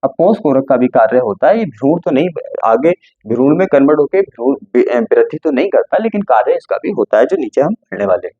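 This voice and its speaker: A man's voice: medium pitch, very animated, fairly quick, slightly rough, no room sound, muffled recording. A male teacher going through a textbook line by line, often asking a question and answering it himself.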